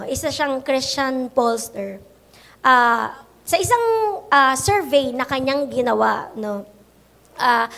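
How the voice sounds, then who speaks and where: A woman pastor with a Filipino accent preaching a sermon, mixing Tagalog and English and often asking "di ba?", slowing down to stress key phrases. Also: sits high, a bit bright. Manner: mixes Tagalog and English, frequent "no?" and "di ba?" tags.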